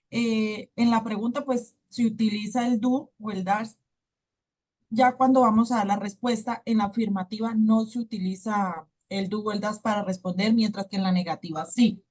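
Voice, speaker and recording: A woman's voice: fairly high pitch, a little mellow. A woman student asking her teacher a grammar question on a video call, speaking carefully with hesitant fillers.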